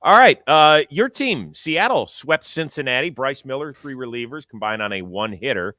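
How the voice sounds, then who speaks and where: Man, sports talk host, forceful bright tone, emphatic conversational commentary, dry close sound. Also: mid-range voice, expressive, normal speed, no room sound.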